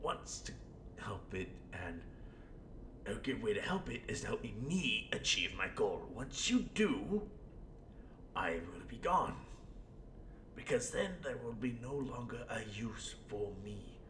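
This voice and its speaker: A man's voice: big pitch swings, slow pace. A man voicing a scheming, theatrical villain clown in an audio roleplay, rambling and sardonic with sudden swings between muttering and outbursts. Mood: persuasive. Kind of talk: in-character audio roleplay monologue. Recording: roomy echo, faint rumbling background noise.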